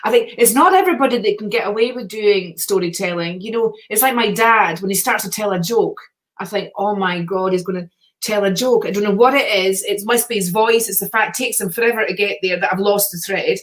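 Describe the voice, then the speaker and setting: A woman's voice: mid-range voice, a little fast. A woman hosting a casual interview chat, talking in a gushing, effusive way. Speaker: show host.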